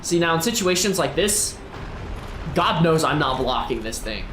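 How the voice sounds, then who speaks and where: A man's voice: on the high side, moderate pace, echoey room, a little hiss or hum, poor audio. Playful man commentating his gameplay. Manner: playful, animated, sing-song asides. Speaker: gameplay streamer.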